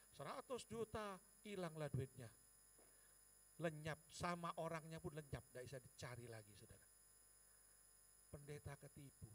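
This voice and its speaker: Man, pastor, emotional sermon storytelling, high voice, distant mic. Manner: emotional storytelling, swinging from hushed to crying out.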